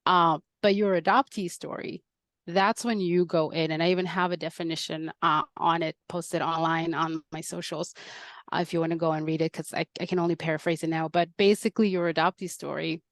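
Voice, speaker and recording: A Colombian-born woman in her forties, guesting on a podcast, earnestly tells her own story as an adoptee in a reflective interview. Her voice is low and steady, she speaks fairly quickly, and the recording is dry.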